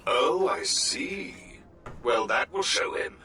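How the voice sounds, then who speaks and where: A man's voice: on the high side, animated, slow, pushed and bright, far from the mic, soft background music, exaggerated voice. An actor voicing an obliging, proper male droid who speaks formally, heard as game audio. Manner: formal and helpful.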